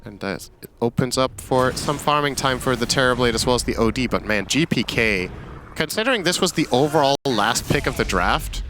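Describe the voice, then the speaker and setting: A man's voice: mid-range voice, expressive, a little fast, a bit bright, faint music behind. A man casting a live esports match in a dry, matter-of-fact analyst manner. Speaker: esports caster.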